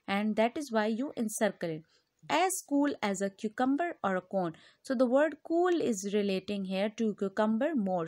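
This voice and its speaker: A female school teacher with a Pakistani English accent, walking pupils slowly through textbook exercises and repeating each answer. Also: a little high, a little mellow, no echo. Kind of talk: recorded classroom lecture.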